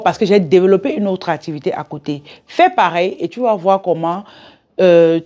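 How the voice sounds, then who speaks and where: Her voice is mellow and on the low side. A business coach with an African French accent, she hosts a direct-to-camera advice vlog, speaking in an emphatic, instructive style that leans on rhetorical questions and checks in with the audience.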